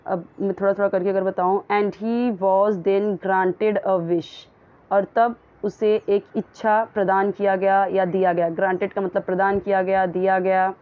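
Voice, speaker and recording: A woman teaching English in Hindi, patiently translating a story phrase by phrase and reading the English words slowly. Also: mid-range voice, highs cut off. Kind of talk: explaining a story line by line in Hindi.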